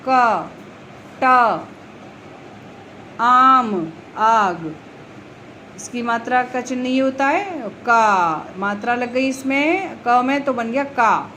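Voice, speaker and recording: A woman's voice: fairly high pitch, very slow, long pauses, bright, forceful tone, slight background noise, low-quality recording. A woman teaching a grammar lesson to young schoolchildren, patiently repeating letters and example words. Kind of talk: explaining Hindi grammar to young children.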